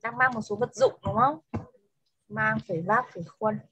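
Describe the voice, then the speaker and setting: A woman with a somewhat high, husky voice teaches English over a video call. She goes patiently, saying each word slowly and often twice so it can be written down, and moves back and forth between Vietnamese and English. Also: animated, pushed and bright, highs cut off. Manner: patient, repeats words slowly for dictation. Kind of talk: online English lesson mixing Vietnamese and English.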